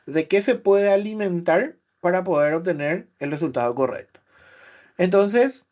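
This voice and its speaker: Man explaining software in a webinar. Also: high voice. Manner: explanatory, rhetorical questions, filler "eh". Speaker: webinar presenter. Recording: slightly dull webinar audio.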